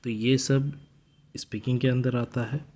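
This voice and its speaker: A young man teaching from study notes in a casual lecture style, explaining at a conversational pace and slowing down to read English lines. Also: medium pitch, little pitch movement, darkish tone.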